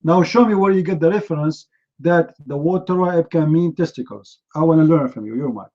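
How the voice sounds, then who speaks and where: A man whose first language is Arabic hosts a heated online debate, combative and mocking, repeatedly pressing his opponent with demands. His voice is on the high side, a little fast and a little mellow, heard through dull lo-fi stream audio.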